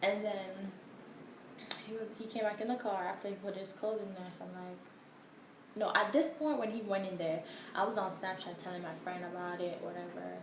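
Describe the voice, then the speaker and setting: A woman's voice: mid-range voice, steady tone, normal speed. A young woman telling a casual story in an exasperated, emphatic way, full of filler words. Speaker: vlogger. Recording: echoey room, faint background hum.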